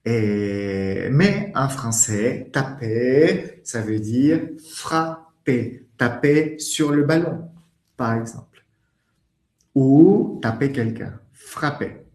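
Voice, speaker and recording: A man's voice: medium pitch, expressive, drawn-out words, darkish tone. A man teaching French in a webinar lesson, patient and repeating key words, recorded in an echoey room.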